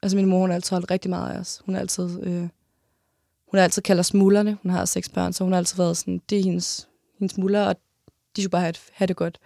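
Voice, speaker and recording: A woman in her twenties telling a personal story in an interview, halting, with many restarts and pauses. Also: lowish voice, level tone, gravelly, warm tone, no room sound, clean studio sound.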